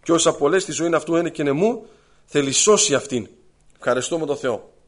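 Preaching an earnest sermon, a man calls his congregation brothers and sisters and tells a parable, acting out the voices. His voice is on the high side and expressive.

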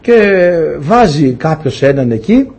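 A man's voice: fairly high pitch, big pitch swings, a little mellow, slightly rough. A man preaching a sermon in a conversational way, telling anecdotes and acting out the voices of the people he quotes.

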